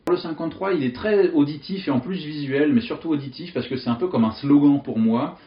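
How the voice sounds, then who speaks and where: A man teaching memory techniques in an animated, jokey way, telling vivid picture stories. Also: on the high side, a little fast, roomy sound, lo-fi sound. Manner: lively, animated, jokey storytelling with vivid images. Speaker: memory coach. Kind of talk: explanatory teaching monologue.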